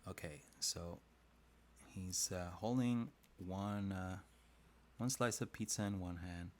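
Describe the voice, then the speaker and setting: A low-pitched, slow-speaking man who hosts design videos chats casually while drawing a comic on a live stream, with slight background noise. As an illustrator, he rambles a bit and often restarts his sentences.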